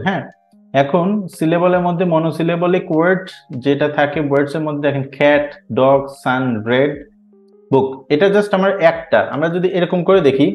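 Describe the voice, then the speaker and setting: A male English teacher with a Bengali accent, patiently explaining a grammar lesson and often checking "right?" with his students. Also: on the high side. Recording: roomy, slightly dull sound with faint music.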